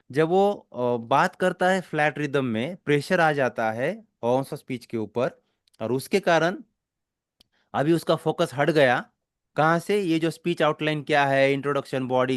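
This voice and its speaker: A man's voice: mid-range voice, no room sound, clean studio sound. A man with an Indian accent teaching a spoken English class, explaining step by step in mixed Hindi and English and often checking that students follow. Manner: explains slowly, mixes Hindi and English, keeps checking understanding.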